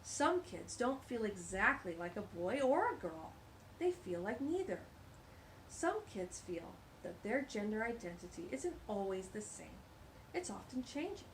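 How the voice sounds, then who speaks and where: Reading a picture book aloud to young children, this storytime reader has a medium-pitched voice and a slightly slow pace. Her warm, animated delivery is sing-song, and she adds chatty asides about the pictures. The recording is low quality, with slight background noise.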